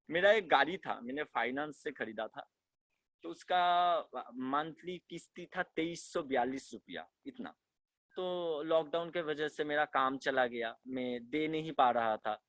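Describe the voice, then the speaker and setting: A young man speaks in a fairly high voice, recorded close and dry with no room sound. He tells his own story earnestly and emotionally, stumbling, restarting and repeating phrases as he goes. It sounds like heartfelt personal testimony. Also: a little slow, fairly bright tone, no room sound. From West Bengal, India. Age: young adult. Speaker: devotee sharing his experiences.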